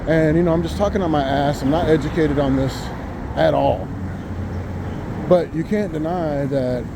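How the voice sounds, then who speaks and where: A man's voice: fairly high pitch, moderate pace, vocal fry. An American man giving a casual, rambling walk-and-talk monologue as he muses informally outdoors on a city sidewalk. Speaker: vlogger. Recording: outdoor street with loud traffic noise. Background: passing cars and trucks.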